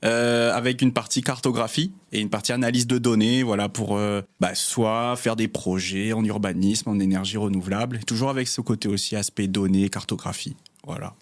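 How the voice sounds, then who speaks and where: Relaxed man. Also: lowish voice, brisk, few pauses. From Réunion. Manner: relaxed, many fillers, laughs easily. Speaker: guest, cartographer. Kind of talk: casual interview chat.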